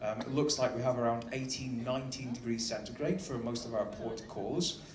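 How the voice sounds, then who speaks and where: A man's voice: mid-range voice, normal speed. Upbeat male cruise director in an echoey venue. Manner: upbeat, joking showman. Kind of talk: comic welcome speech to a live audience. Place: large indoor ship venue with audience. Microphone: stage microphone. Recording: roomy echo, faint background noise.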